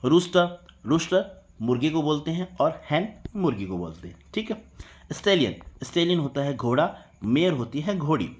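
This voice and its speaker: A man's voice: on the high side, big pitch swings, normal speed, a little mellow. Man teaching English word genders. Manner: spells words out letter by letter, repeats "ठीक है". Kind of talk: English vocabulary lesson.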